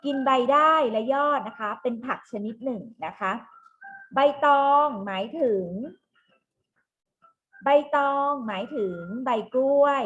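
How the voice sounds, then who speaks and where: A woman teacher running an online class for young children, slowly and clearly spelling out words. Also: sits high, fairly bright tone, dull audio. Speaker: primary school teacher. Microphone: video call.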